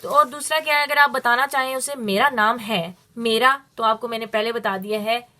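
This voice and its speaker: Female language teacher, bright and slightly high, explains patiently and stretches out example phrases. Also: fairly even intonation. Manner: explains step by step with slow, drawn-out Spanish examples. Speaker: Spanish teacher. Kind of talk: spoken language lesson.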